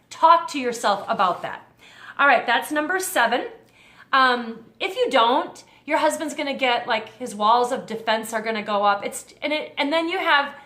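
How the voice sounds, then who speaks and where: A woman's voice: high voice, sharp tone, roomy sound. A middle-aged woman hosting a short talk for mothers, talking through a numbered list of advice in a friendly, conversational way. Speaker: host.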